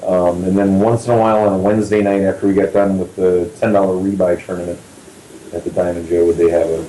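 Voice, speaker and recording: A man's voice: low voice, level tone, fast talker, warm tone. An American man co-hosting a poker talk show, telling stories with dry jokes in casual chat. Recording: echoey room, faint ambient noise.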